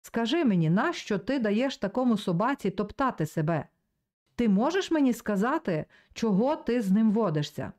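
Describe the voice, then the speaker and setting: A woman's voice: a little high, very animated, normal speed, darkish tone. A woman voicing an earnest, reproachful young man in a storybook reading.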